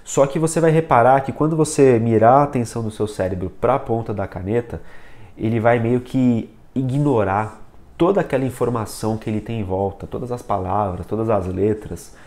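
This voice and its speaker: A man's voice: mid-range voice, moderate pace, a little mellow. A man giving a casual video lesson on reading, talking straight to the viewer and demonstrating with a book and pen. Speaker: reading coach.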